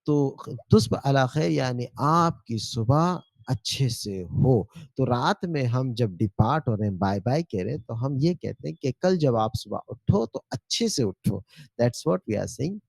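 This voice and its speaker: A male teacher giving a spoken language lesson, explaining patiently, repeating words slowly and often asking checking questions. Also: medium pitch, animated, gravelly, darkish tone, dry recording. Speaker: Arabic teacher.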